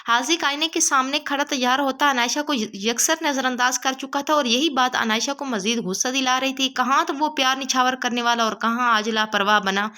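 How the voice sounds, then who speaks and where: A woman narrating a romance novel in a steady, measured reading. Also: high-pitched. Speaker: novel reader. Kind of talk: storybook narration.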